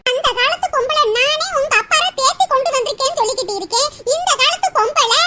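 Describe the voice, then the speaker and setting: This cartoon voice actress plays a talkative older village mother who gives her daughter a long, scolding lecture. Her voice is very high, quick and sharp-toned, with music underneath.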